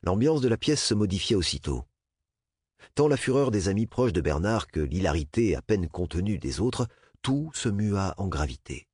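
A man narrating a novel as an audiobook in a measured, expressive way. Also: deep voice, husky, no echo, studio quality. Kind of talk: audiobook reading.

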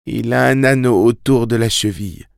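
A man voicing a frightened young boy who haltingly recalls a horror while in a trance, in an audiobook. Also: medium pitch, creaky, smooth, no echo, clean studio sound, voice pushed up, lightly acted. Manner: halting, fearful, speaking in the present tense. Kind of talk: audiobook character voice.

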